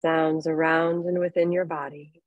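A yoga nidra meditation teacher, a woman with a somewhat low voice, guides a relaxation in an unhurried, soothing, flat manner, with long pauses between phrases. The recording is very dry with no room reflections, and it sounds lo-fi.

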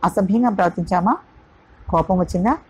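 A woman voicing an earnest young man pleading gently for a marriage, in a husky voice. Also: fairly low pitch, a little fast, highs cut off.

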